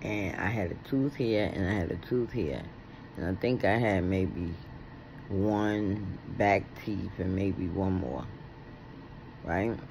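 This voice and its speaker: Slow, gravelly toothless American man. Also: sits low, a little hiss or hum. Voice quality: toothless, soft-edged articulation. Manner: halting, with long pauses. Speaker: video blogger. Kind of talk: casual chat to camera. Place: indoors at home, reclining. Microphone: phone at arm's length.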